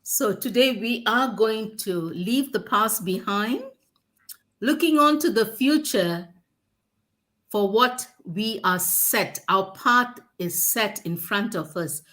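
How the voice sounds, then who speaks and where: A woman from Asia joins a casual live chat, speaking slowly at a mid pitch. She laughs often and reads out a passage in an unhurried way. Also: fairly bright tone.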